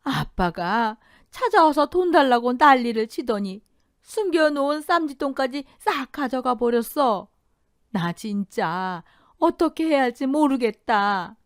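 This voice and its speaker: A woman's voice: high voice, lively intonation, unhurried, no echo, studio quality, voice pushed up. A woman voicing an elderly grandmother in an audio drama, tearful one moment and scolding fiercely to protect her granddaughter the next. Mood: grieving. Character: elderly grandmother, rice-mill owner, fierce but grieving.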